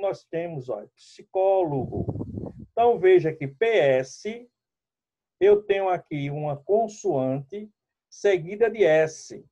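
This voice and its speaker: A male teacher walks through his lesson at an unhurried, deliberate pace, turning to address his students directly as he explains each rule. His voice is slightly higher than most men's but mellow in tone. The recording is somewhat dull and lo-fi. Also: a little hiss or hum. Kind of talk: classroom lesson.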